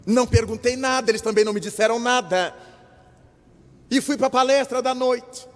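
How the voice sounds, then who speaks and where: An older man from Brazil, telling an animated story at a lecture and acting out the dialogue in shifting voices. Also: extremely high pitch, normal speed. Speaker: spiritist lecturer. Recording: long hall reverb.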